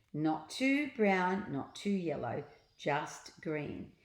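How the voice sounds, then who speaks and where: In an echoey room, a woman with a fairly low voice reads a children's story aloud expressively. She's theatrical, acting out sound effects and adding little asides to her listeners.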